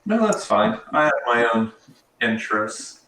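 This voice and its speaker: A curious woman adventurer, voiced by a man with a lively voice. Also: medium pitch, measured pace, creaky, echoey room, far from the mic, heavily acted, rough recording.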